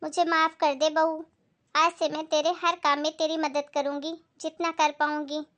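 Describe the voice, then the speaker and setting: Woman playing a scolding, high-voiced mother-in-law. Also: level tone, moderate pace. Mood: remorseful. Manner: scolding, sharp-tongued. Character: nagging middle-aged mother-in-law who avoids housework. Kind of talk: family moral skit.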